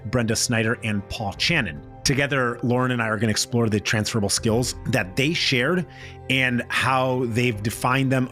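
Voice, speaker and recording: A man's voice: medium pitch, a bit bright. A man hosting a podcast in a prepared recap style while battling a chesty cold and cough, with a lozenge in his mouth. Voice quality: throat lozenge in mouth, mouth noises. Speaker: podcast host. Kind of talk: scripted recap podcast narration.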